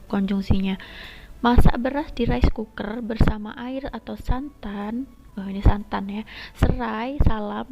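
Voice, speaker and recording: A woman teacher explaining a lesson step by step and addressing her students directly, her voice often trailing into a soft whisper. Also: medium pitch, creaky. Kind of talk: recorded classroom lesson. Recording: lo-fi dull recording.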